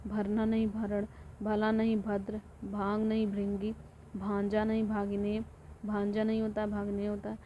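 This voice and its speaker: A woman teaches an exam-prep lesson, running through word pairs in an almost completely flat voice and repeating each one as a drill. Her pitch sits in a middle range. The recording is dull and lo-fi, with a faint hiss underneath. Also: unhurried. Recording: dull lo-fi audio with faint noise.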